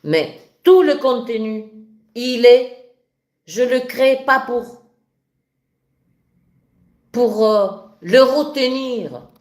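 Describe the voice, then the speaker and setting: A woman's voice: fairly high pitch, extremely slow, long pauses. A woman with a French regional accent, speaking passionately and spontaneously as the host of a spiritual live stream, with frequent restarts. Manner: passionate, animated, with many restarts. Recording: echoey room.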